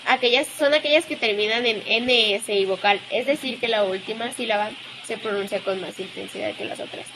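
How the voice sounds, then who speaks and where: A student woman presenting a class lesson, slowly and carefully reading out lists of example words. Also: a little high. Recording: clear background noise, sizzling.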